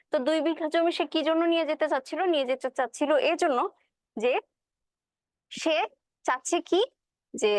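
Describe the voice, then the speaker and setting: A woman's voice: high-pitched, no room sound. A woman teaching a class, explaining a poem and its pronunciation, asking questions and answering them herself. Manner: recites verse slowly. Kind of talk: classroom lecture on poetry and pronunciation.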